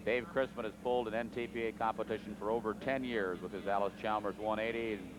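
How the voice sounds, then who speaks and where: A man calling a tractor pull as live play-by-play, in an excitable, folksy way. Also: fairly low pitch, fast. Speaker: tractor pull announcer and commentator. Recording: noisy outdoor track, engines behind. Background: outdoor ambience and vehicle noise.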